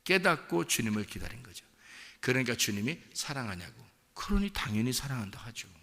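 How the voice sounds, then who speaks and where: A pastor giving an emotional dawn sermon, swinging from quiet murmurs to loud cries. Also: male voice, mid-range voice, big pitch swings, fairly quick, big-room sound.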